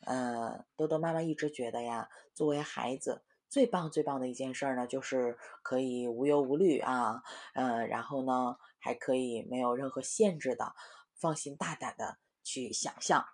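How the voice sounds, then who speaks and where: A woman in her forties, a mother reading a bedtime story to children, lively and fond. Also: a bass voice, normal speed.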